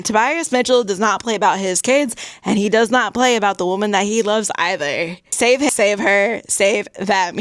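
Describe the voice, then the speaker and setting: A woman's voice: fairly high pitch, no echo, studio quality. A woman and mother vlogging casual reactions to her reading, talking emphatically and exclaiming straight to her viewers. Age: adult mother. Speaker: book vlogger.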